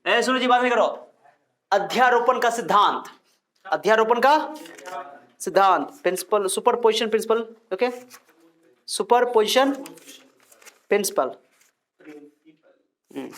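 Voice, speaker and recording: High-voiced man teaching a physics class. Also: lively intonation, unhurried, pauses often, fairly bright tone. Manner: scolds and quizzes students, mixing Hindi and English terms. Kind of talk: classroom lecture. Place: classroom with students.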